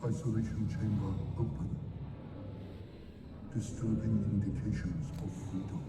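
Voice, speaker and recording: A man's voice: lowish voice, level tone, measured pace, music in the background. An actor voicing the stern, male magical security system of a tower, making cold, clipped alarm announcements that echo through the tower. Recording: echoey, roomy reverb.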